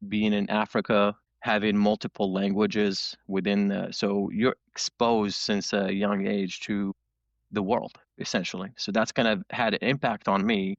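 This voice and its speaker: Male interview guest from Morocco, gravelly, casual, rambling storyteller. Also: fairly low pitch, dry recording, highs cut off. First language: Moroccan Arabic or French, not English. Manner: relaxed storytelling, frequent fillers. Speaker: guest, startup founder. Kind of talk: conversational interview.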